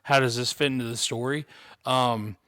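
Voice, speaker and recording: A man appearing as a guest on a casual podcast, talking hesitantly with many pauses and restarts. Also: mid-range voice, fairly even intonation, sharp tone, no echo, studio quality. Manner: hesitant, lots of fillers and restarts.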